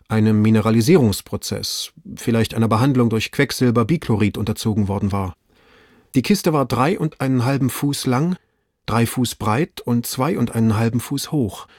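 A man reading a story aloud in measured, even scripted narration. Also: mid-range voice, husky, dry recording, studio quality. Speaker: audiobook reader.

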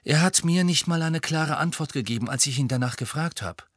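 A man reading an audiobook, voicing a teenage boy who speaks in a quiet, guarded way. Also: fairly high pitch, a little fast, slightly rough, no echo, clean studio sound, pitched above the performer's own voice.

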